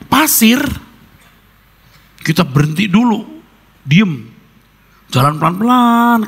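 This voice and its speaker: A male pastor preaches with a gravelly, husky voice and a lively, swooping pitch. He acts out his stories with sound effects and jokes. His voice rings out in a long reverb from a large church hall. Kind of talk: sermon with personal storytelling.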